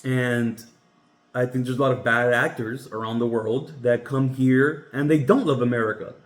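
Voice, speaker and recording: A man's voice: mid-range voice, fairly even intonation. Opinionated Cuban-born man in a roomy room. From Cuba. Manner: opinionated, emphatic, halting with restarts. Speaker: podcast host. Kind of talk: casual opinion monologue. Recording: roomy echoey room sound.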